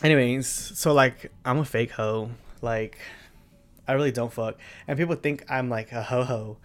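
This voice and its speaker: A man in his twenties hosting a solo podcast, talking bluntly and profanely, with loud bursts and quiet asides. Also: medium pitch, normal speed. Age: 20s. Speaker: podcast host. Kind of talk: casual solo podcast chat.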